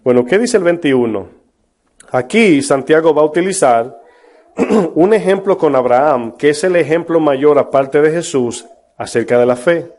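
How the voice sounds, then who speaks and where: A man preaching as a pastor speaks in a slightly high, somewhat mellow, animated voice at a moderate pace. He's emphatic, puts rhetorical questions to his congregation, and mocks false prophets in a put-on voice.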